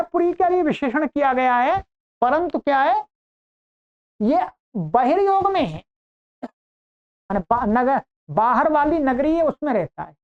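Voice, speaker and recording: A woman gives an online grammar lesson in a high, unhurried voice. She explains each point patiently and often pauses to check that it has landed. The audio sounds a little dull and lo-fi. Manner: slow, explanatory, repeats points with "ठीक है". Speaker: Sanskrit grammar teacher.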